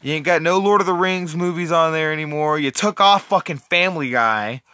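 A man's voice: a little high, a little fast, sharp tone, no room sound, clean studio sound. A young man hosting a casual chat, profane and ranting. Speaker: podcast host.

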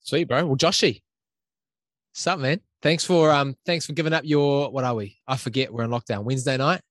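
A man's voice: medium pitch, moderate pace, fairly bright tone. A man from New Zealand with a New Zealand accent, hosting a podcast in casual Kiwi English sprinkled with Maori greetings and slang. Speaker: podcast host. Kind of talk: casual chat.

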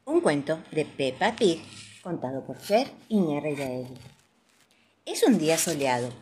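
An Argentine woman reading children's stories aloud in a soft, expressive way. Her voice is fairly low but moves up and down with lots of life as she tells each tale. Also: measured pace, slight background noise. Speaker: storyteller. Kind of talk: children's story narration.

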